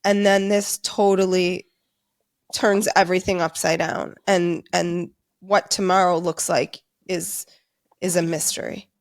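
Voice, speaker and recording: Low-voiced woman host, dry sound. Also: flat delivery, a little slow, no echo. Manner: empathetic, thoughtful, explains at length. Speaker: podcast host. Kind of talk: casual interview conversation.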